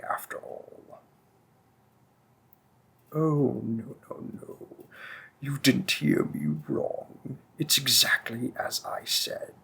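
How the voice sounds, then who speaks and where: In an audio roleplay, a man plays a possessive, seductive demon king, speaking softly and often in a whisper with a slow, teasing pace. His mid-range voice is gravelly, husky and exaggerated.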